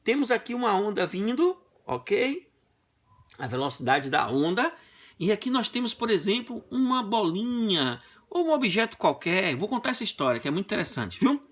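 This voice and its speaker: A man teaching a physics class in a classroom, explaining with playful, animated stories. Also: sits high, moderate pace. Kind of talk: lively classroom lesson with comic anecdotes. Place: classroom with a whiteboard.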